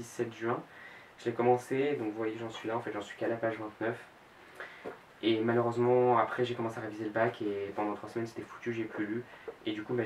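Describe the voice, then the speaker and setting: A young man in his late teens talks through his reading plans in a casual home vlog, pausing often on fillers and correcting himself. His middle-pitched voice sits back from the mic in an echoing room, with a faint hiss underneath. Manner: hesitant, frequent fillers and self-corrections. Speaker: book blogger. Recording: roomy echo, mic at a distance, faint background hiss.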